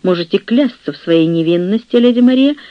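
A woman's voice: medium pitch, expressive, fairly quick, no echo, highs cut off, voice pushed up, natural voice. A man voicing a fierce old aristocratic woman who scolds harshly and bitterly, in a storybook reading. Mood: scornful. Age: older. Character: fierce old aristocratic aunt, scornful and angry.

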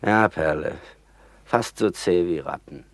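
A scornful old-radio-play rat. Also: male voice, low-pitched, unhurried, gravelly, dry recording. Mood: mocking. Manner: soothing yet mocking. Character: cynical male rat, calm, scornful. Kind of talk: 1960s radio play acting.

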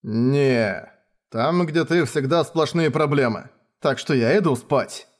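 A man voicing a hot-tempered young male mage who shouts in exasperated outbursts. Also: mid-range voice, takes it slowly, close to an everyday voice. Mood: grumbling.

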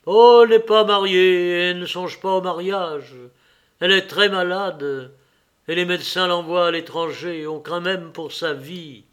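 A man playing a cheerful, easygoing nobleman chatting lively with his hunting companion. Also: high-pitched, measured pace, pitched above the performer's own voice. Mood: chatty.

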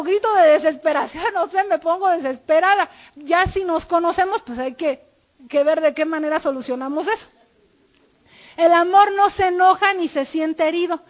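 A woman gives an informal sermon-style talk on marriage. Her voice sits high, and she speaks candidly, sharing her own habits. The recording sounds dull and lo-fi. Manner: candid, confessional, quotes her husband.

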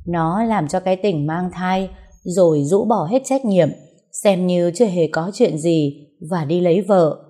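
A woman's voice: on the low side, measured pace, dark tone. A woman reading the lines of a worried, tearful older mother in a storybook tale. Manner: pleading, tearful. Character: worried old village mother.

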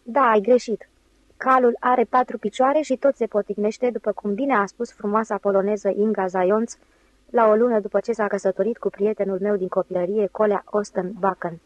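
A woman reading the lines of a cocky, smooth-talking male swindler in a glib, mocking way. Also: mid-range voice, steady tone, no echo, natural voice, low-quality recording.

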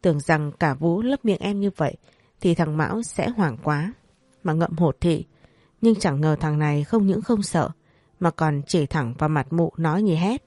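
Low-voiced woman storyteller. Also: normal speed, dark tone, no room sound. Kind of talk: scripted audio story narration.

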